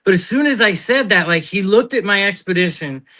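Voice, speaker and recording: A man's voice: sits high, brisk. A man telling stories in casual chat on a live talk show, blunt and swearing freely. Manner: blunt, animated storyteller who swears.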